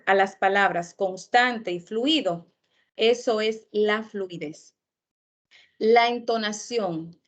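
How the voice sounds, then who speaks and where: Female speaking coach, unhurried lecture delivery, middle pitch, emphatic repetition of terms. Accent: Latin American Spanish. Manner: slow, deliberate, repeats key terms for emphasis. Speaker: public speaking instructor. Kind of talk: online workshop lecture.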